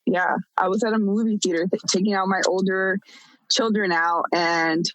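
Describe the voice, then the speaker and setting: Speaking with medium pitch, a steady tone, and a moderate pace, an American woman in her 30s shares a personal story as a podcast guest. She is blunt and candid and laughs a lot. The recording is rough, though it has no room sound.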